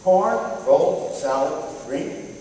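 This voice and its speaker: A woman's voice: low-pitched, animated, very slow, warm tone, a little hiss or hum, full character voice. A woman playing a kindly ranch cook in a school stage play, talking in a folksy drawl. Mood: gentle. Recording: echoey hall from far off.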